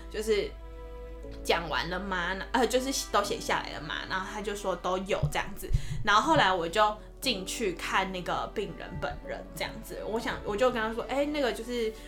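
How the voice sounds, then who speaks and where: A young adult woman, a nurse telling a story in a casual podcast chat, expressive and animated. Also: brisk, music in the background. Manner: expressive storyteller, lively swings in pitch.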